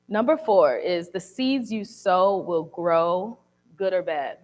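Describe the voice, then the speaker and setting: A young woman speaking candidly and conversationally to a church congregation, sharing a personal testimony with casual slang. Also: lowish voice.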